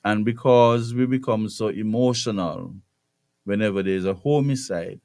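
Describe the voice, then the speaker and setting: A man's voice: lowish voice, measured pace, dark tone, dry recording. A man with a Kittitian accent hosting a conversational radio interview. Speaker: radio host. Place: radio studio.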